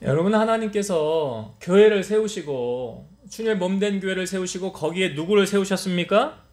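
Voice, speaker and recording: Echoey, high-voiced Korean preacher man. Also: moderate pace, a little mellow. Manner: storytelling preacher acting out quoted lines. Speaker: pastor. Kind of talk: sermon. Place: church sanctuary. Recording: echoey church hall.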